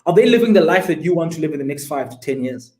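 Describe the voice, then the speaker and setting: A man in his twenties tells his story as an interview guest, with a fairly high voice. He speaks emphatically and keeps throwing rhetorical questions at the listener. The room around him rings with echo. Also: animated, fast talker, mellow. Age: 20s. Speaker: guest entrepreneur.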